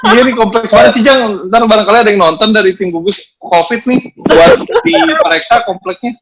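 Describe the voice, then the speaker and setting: A man's voice: high voice, sing-song, normal speed, background noise. A man with a colloquial Jakarta Indonesian accent in teasing, casual banter.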